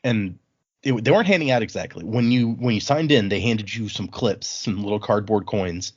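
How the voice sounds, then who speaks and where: Talking through a book at a moderate pace, this podcast host keeps it chatty and loose, drifting into digressions. He's a man with a fairly low voice, recorded with slightly dull, lo-fi audio.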